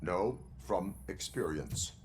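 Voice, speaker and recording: An actor playing a stoic robotic police mentor in a video game, speaking formally in a measured, steadying way. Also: male voice, deep voice, expressive, slight background noise, exaggerated voice. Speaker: field trainer.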